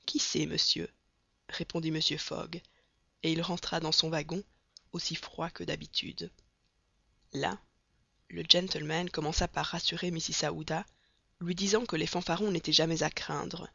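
An audiobook reader narrating a classic novel in a steady, measured way, in a dull, dry recording. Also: medium pitch, vocal fry, no echo.

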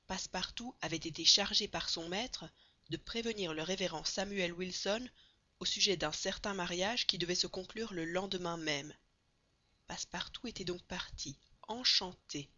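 A woman reads a classic novel aloud in a bright, somewhat low voice. Her narration is expressive and lifts with the drama of the story. The recording sounds slightly dull and lo-fi. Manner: expressive reading, building excitement at dramatic moments. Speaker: audiobook narrator.

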